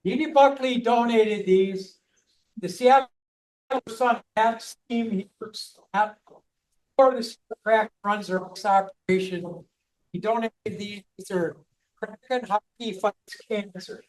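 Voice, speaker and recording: Slow-paced helper presenting auction items. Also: medium pitch, steady tone, darkish tone, low-quality recording. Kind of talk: casual item description at a live auction.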